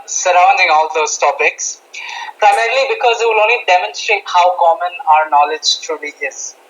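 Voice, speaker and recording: An Indian man hosts a casual podcast chat, talkative and poking fun at himself, often restarting his sentences. He has a high, fairly bright voice, and the recording's highs are cut off.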